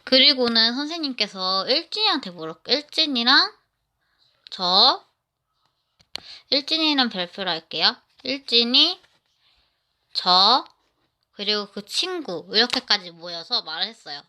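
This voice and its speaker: A woman's voice: fairly high pitch, big pitch swings, a little slow, pauses often, sharp tone. A woman narrating a personal story in the first person, rambling and often restarting her sentences.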